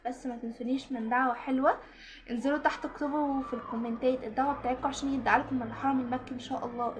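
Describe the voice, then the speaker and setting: A woman with an Egyptian Arabic accent giving direct study advice to the camera in a casual vlog. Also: high voice. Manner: direct, coaching, talks straight to the viewer. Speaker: study-tips vlogger.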